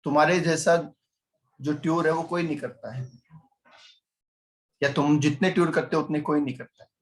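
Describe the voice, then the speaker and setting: A man's voice: fairly high pitch, steady tone, normal speed. A male teacher giving a chatty lecture, teasing his students and constantly quizzing them. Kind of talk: classroom lecture.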